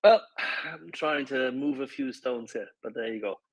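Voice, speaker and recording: Male co-host, medium pitch, halting and verbose, casual live talk, dry acoustic. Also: no echo, poor audio. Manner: wordy, halting, ornate word choices.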